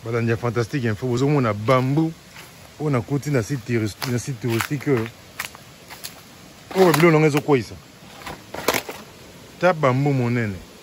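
A man's voice: mid-range voice, moderate pace, long pauses, noisy background. Enthusiastic Congolese man touring outdoors. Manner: enthusiastic, mixing Lingala and French. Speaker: vlogger touring a tourist site. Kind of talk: walking tour commentary. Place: outdoors in a leafy park with animal sounds.

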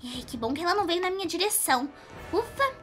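Pinkie Pie, a woman squeaking as a bubbly pony. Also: sing-song, quick pace, fairly bright tone, exaggerated voice. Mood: excitable. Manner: squealy, exclamatory, giggly. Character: bubbly, excitable young female cartoon pony. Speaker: gaming youtuber. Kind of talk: gameplay commentary in character. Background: game music playing clearly.

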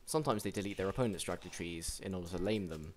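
A young man casually commentating a strategy game match, chatty and excitable, with frequent restarts. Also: sits low, fast, slight background noise. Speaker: game caster.

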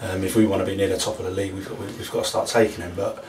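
A young man, a footballer answering post-match questions in a hesitant, halting way. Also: sits low, flat delivery. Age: young adult. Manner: hesitant, halting, many restarts. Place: club interview room, indoors. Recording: echoey, distant mic, loud hiss.

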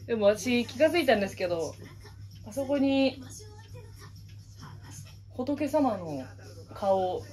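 A woman's voice: fairly high pitch, animated, slow pace, long pauses, very noisy. A young woman chatting as an interviewer, polite and attentive, in a casual conversational style. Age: young adult. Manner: polite, with frequent attentive responses. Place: small Japanese living room, indoors, seated at a table.

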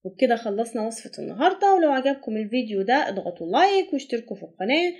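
Hosting a cooking show, this Egyptian Arabic-accented woman moves briskly through each step of a recipe. Her voice sits a little high, with a sing-song lilt and a darkish tone.

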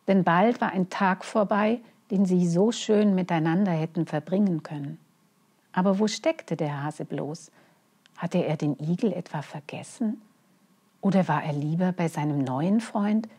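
A woman storyteller reads a children's bedtime story gently and expressively, letting her phrases end in a hush. Her voice is fairly low in pitch and slightly rough.

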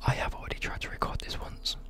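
A young adult with a British accent giving a whispered, informal ASMR chat, with soft mouth sounds. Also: fast talker. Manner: whispering throughout. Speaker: ASMR creator, university student. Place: indoors at a desk. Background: occasional tapping and desk creaks.

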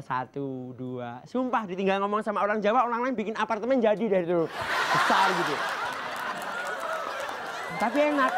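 A man from Java doing a stand-up routine on a comedy stage, acting out shouts and slow, soft talk. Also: high voice, heavy background noise. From Java, Indonesia.

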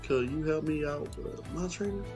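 A young man streams games on webcam from a room at home, giving informal, slangy commentary and reading game dialogue aloud. His voice is on the high side and slightly mellow, at normal speed. Video game music plays behind him.

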